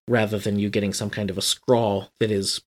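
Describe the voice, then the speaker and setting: A man's voice: on the low side, flat delivery, brisk. A man explaining a topic at length in casual conversation, talkative and wry, often correcting himself. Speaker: guest explaining healthcare IT.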